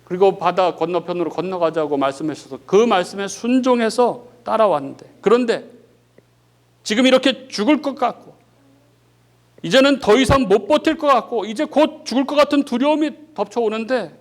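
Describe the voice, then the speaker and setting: A male pastor preaching a sermon with dramatic swings of voice, often saying "예" between phrases and dropping low and soft at the ends of sentences. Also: lively intonation, normal speed. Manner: dramatic preaching that acts out the disciples' cries, rising and falling sharply; frequent filler "예" between phrases.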